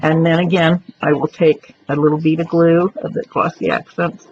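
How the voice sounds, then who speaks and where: A craft presenter with a low, darkish voice delivers flatly at a moderate pace. She chats through each step of the demonstration, explaining and thinking aloud as she goes, and the lo-fi recording is dull with faint noise.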